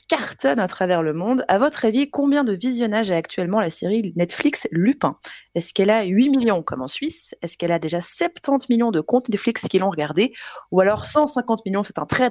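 A woman's voice: medium pitch, no room sound, clean studio sound. Chatty woman hosting a radio quiz. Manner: animated, chatty, hesitant fillers. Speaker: quiz presenter on a radio show. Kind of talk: lively radio quiz segment.

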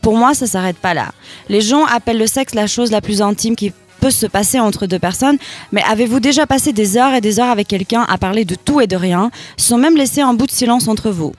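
A woman's voice: a little high, fairly quick. A woman hosting a show, reading a prepared monologue to listeners, then leading a group chat with questions. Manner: addresses listeners directly, leads questions. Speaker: podcast host.

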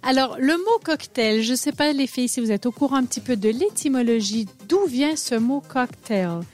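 Radio lady running a cocktail quiz, bit high pitched, talks a lot, laughs easy. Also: lively intonation, moderate pace, a little mellow, soft background music. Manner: chatty, explains at length, laughs easily. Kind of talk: casual radio chat.

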